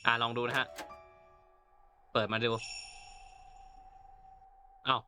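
Bright-voiced man narrating a horror game. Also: medium pitch, level tone, very slow, soft background music. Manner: chatty reactions, reads in-game text aloud. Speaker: gaming channel host. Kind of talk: let's play commentary.

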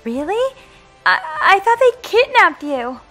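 A woman voicing a fierce, devoted mermaid mother in an animated game story. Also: very high-pitched, slow, soft background music, full character voice. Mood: grateful, gentle. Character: fierce, devoted mermaid mother seeking her lost daughter.

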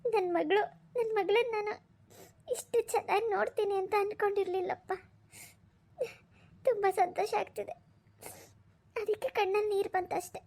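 A woman's voice: very high voice, fairly even intonation, fairly quick, a little mellow. A woman doing a tearful village mother. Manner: tearful, pleading, fussing. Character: weepy humble village mother, middle-aged. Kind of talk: cartoon voice acting.

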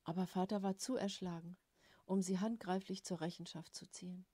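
A woman reading a story aloud in an unhurried, expressive way. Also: fairly low pitch, breathy edge, no echo. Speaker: audiobook narrator.

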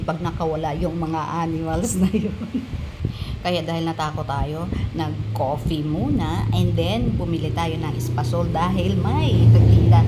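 A woman's voice: lowish voice, very noisy. A middle-aged woman with a Filipino accent chatting casually to her phone camera as a vlogger, laughing easily and mixing in English. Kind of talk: casual travel vlog chat. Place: outdoor garden restaurant, then inside a car. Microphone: phone held at arm's length.

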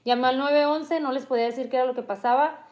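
A woman's voice: high-pitched, steady tone, fast talker, a little mellow. A woman and mother earnestly recounting a family illness in a vivid personal story, often restarting her sentences.

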